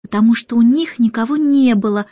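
A woman's voice: a little high, fairly quick, warm tone, no echo, muffled recording, close to an everyday voice. A woman voicing a cross, snappish young girl in an audiobook. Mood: angry. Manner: snapping, sobbing.

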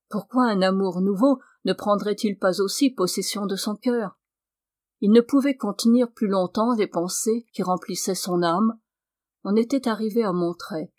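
A woman's voice: medium pitch, a little mellow, dry recording. Woman reading a novel aloud. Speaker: audiobook reader.

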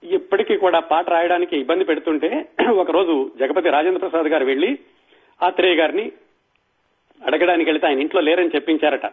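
Husky male talk show host, tinny sound. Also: on the high side. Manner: slows down to recite song lyrics, then explains them. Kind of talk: reciting and explaining film song lyrics. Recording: tinny phone-like audio.

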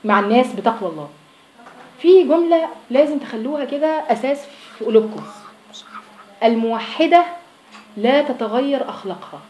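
A woman with an Egyptian Arabic accent gives a religious lesson to a group of women. Her voice is high and she talks fast and emphatically, putting questions to her listeners and pushing into loud exhortation. The room adds a clear echo. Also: lively intonation, a little hiss or hum. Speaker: religious teacher.

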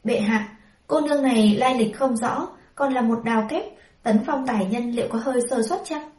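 A woman's voice: fairly high pitch, moderate pace, roomy sound, far from the mic, close to an everyday voice. Woman reading as a cold, bitter empress. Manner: cold, sharp-tongued.

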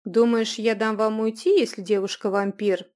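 Woman reader voicing an icy, composed noblewoman, measured and calm, storybook. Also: a little high, lightly acted. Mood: cool. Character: stern composed noblewoman, cold authority.

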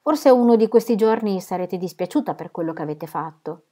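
A woman voicing a rejected, wounded young male suitor in a read-aloud novel, speaking low and subdued. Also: expressive, a little fast, mellow, natural voice. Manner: subdued and reproachful.

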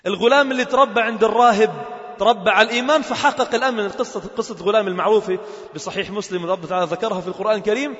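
Male preacher, high voice, rapid impassioned storytelling, echoing hall on a dull recording. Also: fairly bright tone. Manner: impassioned storytelling, rising to emphatic cries. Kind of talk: sermon.

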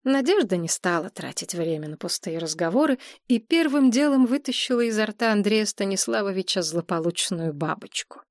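A woman narrating an audiobook in an even, wry storytelling manner. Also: mid-range voice, normal speed, no room sound, clean studio sound. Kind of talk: scripted narration.

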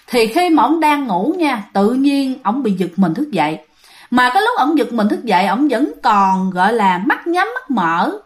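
A woman with a fairly high voice and a Southern Vietnamese accent narrates ghost stories. She talks in a chatty, animated way and leans on filler particles as she tells the tale. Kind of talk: casual storytelling to listeners.

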